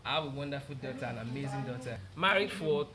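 A man's voice: medium pitch, fast, a crowd in the background. A Nigerian man chatting casually as an interview guest, repeating himself for emphasis in a laid-back way. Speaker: photographer, podcast guest.

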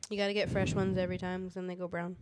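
A woman's voice: on the low side, little pitch movement, racing, background noise. A woman guest on a podcast, teasing the hosts in casual chat. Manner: teasing, skeptical banter.

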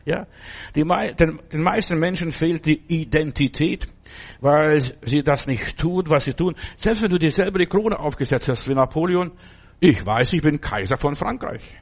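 A man preaches a sermon emphatically, repeating phrases and checking in with "ja?" His voice is a little high and he speaks at normal speed.

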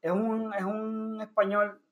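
A man's voice: high voice, level tone, takes it slowly, lo-fi sound. A man with a Puerto Rican accent in a casual podcast chat, explaining his views at length. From Puerto Rico. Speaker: podcast co-host.

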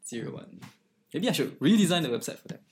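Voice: medium pitch, very animated, racing, a little mellow. A podcast co-host with a Singaporean accent chatting casually in Singlish, with clipped grammar and sentence-ending particles like lah and ah. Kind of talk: casual bantering chat.

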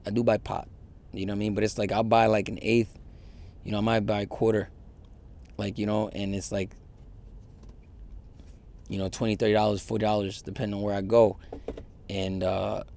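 Guy with a low gravelly voice just rambling honestly to camera, lots of likes and um, swears a bit. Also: darkish tone. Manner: rambling, heavy use of fillers and profanity. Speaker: vlogger. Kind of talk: candid confessional monologue.

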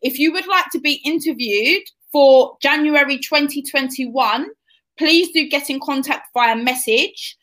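A woman in her thirties with a London accent hosts a relaxed interview, her voice sitting high. She talks chattily and encouragingly to her guest. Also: measured pace. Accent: London English. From England. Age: 30s. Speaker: host. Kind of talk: casual interview chat.

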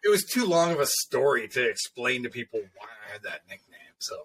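A man co-hosting a casual podcast chat, telling stories in an animated way, swearing freely and laughing often. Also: mid-range voice, fairly quick, a little hiss or hum. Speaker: podcast co-host, tattoo artist.

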